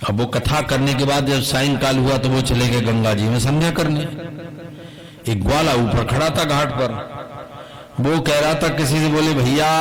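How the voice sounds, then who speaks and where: A man from central India at a medium pitch tells a devotional story before a gathering. He breaks into sung, chanted scripture, then slips back into lively plain narration. His storytelling is vivid, and he acts out the people in his tale. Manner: recites Sanskrit and Awadhi verses in a chanting lilt between story narration. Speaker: Ram Katha preacher.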